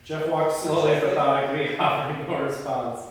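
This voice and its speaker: Reading out stage directions and talking casually, this man runs a script table read with a group in a reverberant room. He speaks briskly with a steady tone on the high side, and the distant mic catches hall echo and faint noise.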